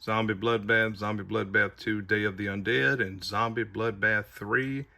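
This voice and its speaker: A man's voice: lowish voice, steady tone, measured pace, gravelly, pushed and bright. A man giving a casual, rambling tour of his movie collection, with audible heavy breathing. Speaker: video collector showing his shelves.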